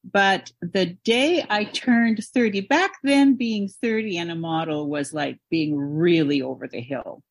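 Woman, 70s, from Canada, podcast guest, candid, reflective, lowish voice, dry sound. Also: unhurried, few pauses, no echo. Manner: warm, reflective, candid storytelling. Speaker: guest, model. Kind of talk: interview storytelling.

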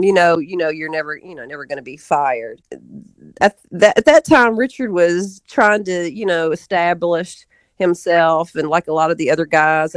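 Recorded dry, a woman with a mid-range voice rambles casually through stories from her past as an interview guest, frequently circling back partway through a sentence.

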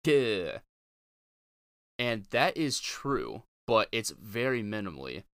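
Male podcaster, lowish smooth voice, informal and blunt, opinionated solo talk, dry closet sound. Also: sing-song, takes it slowly, fairly bright tone, no room sound. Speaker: podcast host. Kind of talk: casual opinionated podcast monologue. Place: small closet in a home bedroom.

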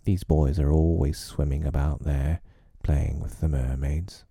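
A man voicing a scheming, sinister pirate captain who speaks slowly through his teeth. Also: very deep voice, fairly even intonation, vocal fry, dark tone, husky, no room sound, studio quality, pitched below the performer's own voice, exaggerated voice.

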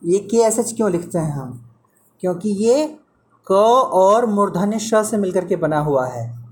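A man's voice: high voice, animated, unhurried, darkish tone. A man teaching Hindi pronunciation to a student one-on-one, patiently repeating sounds and correcting mistakes.

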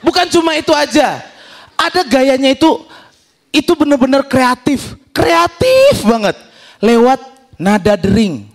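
A man's voice: extremely high pitch, big pitch swings, measured pace. A man doing a stand-up comedy set, telling stories animatedly and acting out other people's voices, with audience laughter behind him. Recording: live stage recording with audience.

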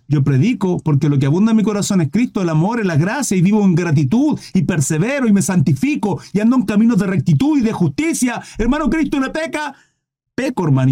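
Male preacher, very high and mellow voice, emphatic, rhetorical, addresses the listener as "brother". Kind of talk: livestreamed Bible teaching.

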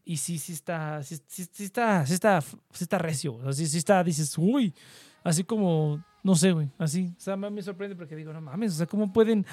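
A man's voice: on the high side, brisk, few pauses, darkish tone, no echo. A young man with a Mexican accent, chatting casually with friends in a slangy, laid-back way, telling stories.

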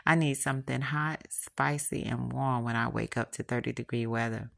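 A woman's voice: very deep voice, little pitch movement, normal speed, gravelly, exaggerated voice. A woman voicing a rich, seductive, bratty female customer who teases in a raised voice. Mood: seductive, teasing. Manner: seductive, teasing.

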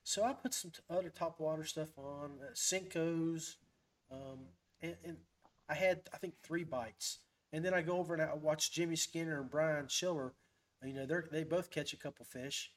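In a casual fishing podcast, the host chats and tells stories in a folksy, rambling manner. His voice is fairly high-pitched and moves at normal speed.

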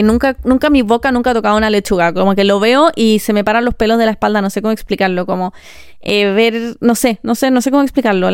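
A young woman with a Chilean Spanish accent, ranting casually in a vlog, swearing freely and talking in quick bursts broken by pauses. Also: medium pitch, clear, resonant tone, no room sound, studio quality. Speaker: vlogger.

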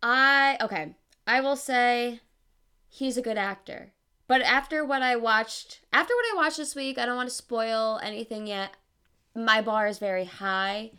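A woman's voice: fairly high pitch, unhurried, bright, forceful tone, clean tone. A woman co-hosting a podcast, chatting casually and reacting to stories. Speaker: podcast co-host. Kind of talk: casual chat.

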